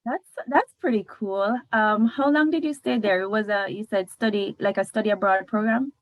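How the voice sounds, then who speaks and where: A woman's voice: mid-range voice, moderate pace, no echo. Upbeat Jamaican woman hosting, dry sound. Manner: upbeat, encouraging. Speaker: host. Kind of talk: interview hosting.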